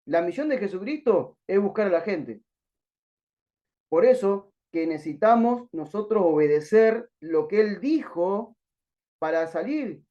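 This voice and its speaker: A man's voice: sits high, muffled recording. A man teaching a Bible class at a missionary school, asking rhetorical questions and restarting sentences as he searches for words.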